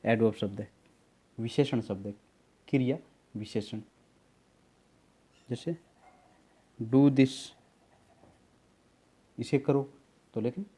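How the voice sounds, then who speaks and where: A man's voice: medium pitch, dark tone, slightly rough. A man teaching a spelling lesson, patiently explaining words, repeating them, spelling them out letter by letter and calling his students beta. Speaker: tutor.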